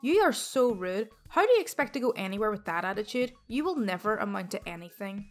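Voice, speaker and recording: A woman voicing an angry, rude male customer in his forties who yells and berates a young cashier in a spoken story. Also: fairly high pitch, animated, quick pace, faint music behind, natural voice. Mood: yelling angrily. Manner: yelling, berating.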